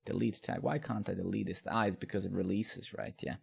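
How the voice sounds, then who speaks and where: A man's voice: low-pitched, fairly even intonation, brisk, vocal fry. Rambling Serbian-born streamer man. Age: 30s. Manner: rambling, lots of filler, swears, asks "right?". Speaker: live-coding streamer. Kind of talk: casual chat while coding.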